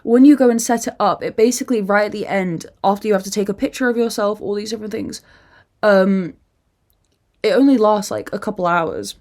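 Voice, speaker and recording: A young woman hosting a casual podcast, telling a rambling, animated story full of swearing and acting out other people's voices. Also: medium pitch, fairly quick. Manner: acts out other people's lines in put-on voices. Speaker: podcast host.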